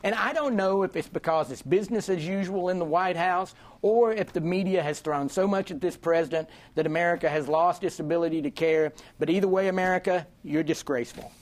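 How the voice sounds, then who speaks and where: Joking man with a high voice. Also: fairly quick, few pauses. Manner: joking, chatty, fond of 'you know'. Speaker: panelist. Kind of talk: political roundtable discussion.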